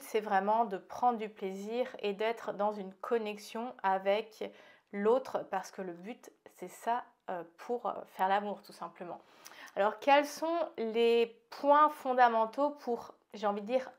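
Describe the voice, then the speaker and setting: A woman with a slight lisp on her s sounds from dental aligners, giving informal, direct advice to viewers as a channel host. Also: medium pitch. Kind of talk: informal advice talk to camera.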